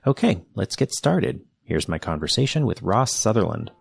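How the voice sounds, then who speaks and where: A podcast host with a lowish, sing-song, creaky voice reads an introduction at normal speed and then moves into a casual interview chat. He talks with his guest earnestly and enthusiastically, frequently restarting his sentences.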